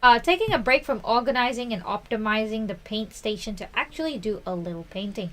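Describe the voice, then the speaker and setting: Chatty higher-voiced woman on a hobby stream. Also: expressive, fairly quick, a bit bright. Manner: chatty, upbeat, reads out submission notes. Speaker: co-host of a miniature painting review stream. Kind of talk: casual chat.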